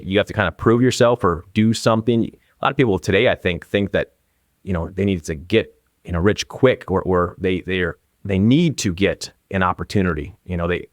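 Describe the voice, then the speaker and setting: A low-voiced man in his forties, a real estate agent from northern Minnesota, joins an interview as a guest and shares casual anecdotes in his Upper Midwestern American accent. The studio sound is clean, with no room sound.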